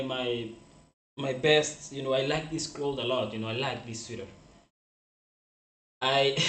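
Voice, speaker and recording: A man whose first language is Portuguese, chatting casually and rambling about his day with frequent self-mocking laughs. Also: mid-range voice. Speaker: forex trading vlogger. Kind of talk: casual chat. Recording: echoey room with faint ambience.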